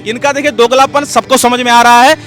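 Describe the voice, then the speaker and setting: High-pitched, forceful combative man. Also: flat delivery, a little fast. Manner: emphatic, combative, keeps saying "look" and "listen". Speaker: political commentator guest. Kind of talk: heated political interview.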